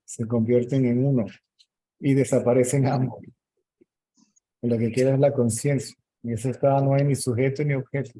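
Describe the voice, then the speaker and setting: Dark-voiced calm spiritual teacher, man. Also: medium pitch, normal speed, rough recording. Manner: calm, explanatory, checks in with "¿sí?". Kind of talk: answering questions in a meeting.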